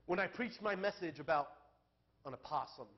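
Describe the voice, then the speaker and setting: A man's voice: fairly high pitch, expressive, moderate pace. Man preaching candidly in a dull recording. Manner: candid, conversational preaching that builds to loud emphatic peaks. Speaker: pastor. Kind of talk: sermon. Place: church.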